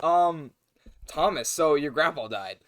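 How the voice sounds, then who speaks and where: A man's voice: fairly high pitch, lively intonation, a little slow, fairly bright tone, no room sound, studio quality. A man co-hosting a podcast in casual chat, often breaking up with laughter. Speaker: podcast co-host.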